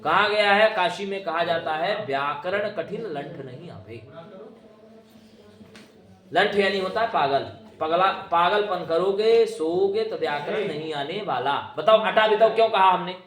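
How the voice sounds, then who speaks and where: A man teaching Sanskrit grammar, his voice pitched high and ringing off the walls of a classroom. He quizzes his students, chants the rules slowly and waits for them to repeat. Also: fairly bright tone. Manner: drills students with call-and-response questions. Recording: echoey classroom.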